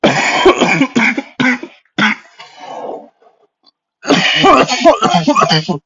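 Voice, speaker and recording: Speaking at an extremely high pitch with big swings and drawn-out words, a stuffy-nosed man with a cold tells an improvised fan-fiction tale over a loud crowd. He rambles in a relaxed way and keeps correcting himself. It's captured on a dull, lo-fi mic.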